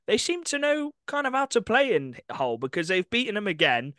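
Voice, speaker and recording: A young man with a fairly high, smooth and clear voice talks fast and keenly through sports news as a podcast co-host. He sounds close to the mic in a dry room, full of asides and little laughs. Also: huge pitch swings, fairly bright tone, no echo. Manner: chatty, enthusiastic, quick asides and laughs. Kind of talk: casual sports chat.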